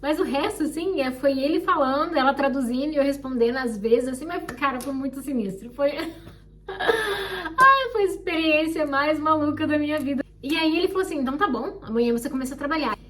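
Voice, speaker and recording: A young Brazilian woman telling her own story in a casual, animated way and acting out the people she quotes. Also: sits high, recorded from a distance. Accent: Brazilian Portuguese. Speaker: vlogger.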